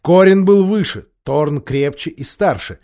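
A man narrating a children's story aloud, with expressive character voices. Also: on the high side, measured pace. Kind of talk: audiobook storytelling.

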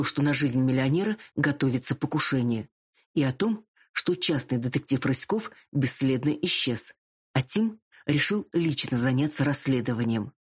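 A woman's voice: a bass voice, husky. A woman reading a first-person audiobook with a wry storytelling manner. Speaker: audiobook narrator.

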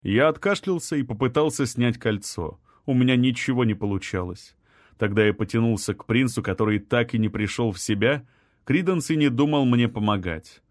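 A man reading a first-person fantasy story in an even, measured way. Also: medium pitch, dry recording, clean studio sound. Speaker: audiobook reader.

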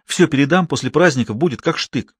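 A man reading an audiobook and voicing a tearful young woman nurse who begs softly and insistently. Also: fairly high pitch, brisk, slightly rough, no room sound, voice pushed up. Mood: grateful. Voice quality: soft, pleading. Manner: begging and insistent. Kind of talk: audiobook character voice.

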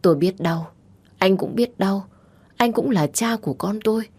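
A woman narrating a first-person romance story as an audiobook, in a steady, emotional reading. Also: mid-range voice, normal speed, slightly rough.

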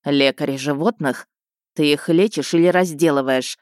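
A woman's voice: deep voice, moderate pace, darkish tone, no room sound, clean studio sound, lightly acted. A woman narrating an audiobook voices an arrogant, mocking young nobleman. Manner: mocking, contemptuous.

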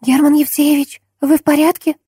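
A woman's voice: high-pitched, little pitch movement, moderate pace, dry recording, clean studio sound, pitched above the performer's own voice, close to an everyday voice. Woman voicing a timid whispering maid. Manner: hushed, timid. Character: timid frightened young maid.

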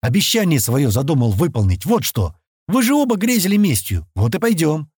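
A man's voice: a little high, very animated, brisk, darkish tone, slightly rough, dry recording, clean studio sound, pitched above the performer's own voice. A man reading an audiobook, voicing a brash, confident young mountain heir who teases his companions.

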